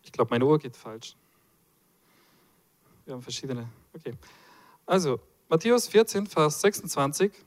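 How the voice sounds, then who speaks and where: Animated preacher, high lively voice. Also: male voice, moderate pace, pauses often. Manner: animated, playful asides to the congregation. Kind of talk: lively sermon with Bible reading.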